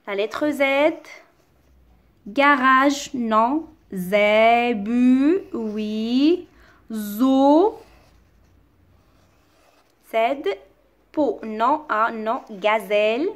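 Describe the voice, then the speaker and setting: A woman teacher giving a lesson, reading short sentences aloud and slowly repeating words with careful articulation. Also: on the high side, a bit bright. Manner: slow, articulated dictation-like delivery, repeating words. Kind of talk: slow, careful classroom reading and explanation.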